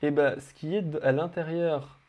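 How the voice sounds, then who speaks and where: A man's voice: a little high, steady tone, normal speed, muffled recording. A young man walking viewers through building an interface in a casual screen-recorded coding tutorial, talking straight to the viewer with frequent fillers.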